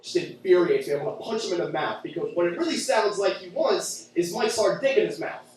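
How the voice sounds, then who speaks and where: A man's voice: high voice, lively intonation, brisk. A young man doing a stand-up comedy set in a club, telling crude, sarcastic stories. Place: club with audience. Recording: echoey room from far off.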